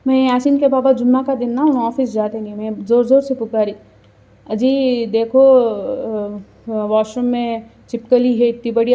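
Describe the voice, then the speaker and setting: Hyderabadi mom telling her story, kinda high voice but warm and dark, chatty and earnest. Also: muffled recording. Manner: earnest, chatty, quotes people aloud. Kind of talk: casual personal storytelling.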